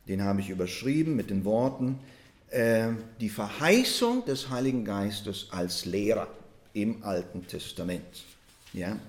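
A man preaching a Pentecost sermon, reading scripture with strong emphasis and speaking warmly to his congregation. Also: animated, echoey room. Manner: slow, emphatic delivery with wide swings in pitch and loudness; addresses listeners as "ihr Lieben", asks them "ja?".

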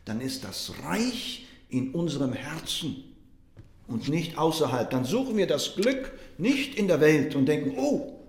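A man's voice: on the high side, very animated, unhurried, echoey room. A man preaching a sermon with emphatic delivery, often addressing the congregation directly. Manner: emphatic preaching, addresses listeners as "Ihr Lieben".

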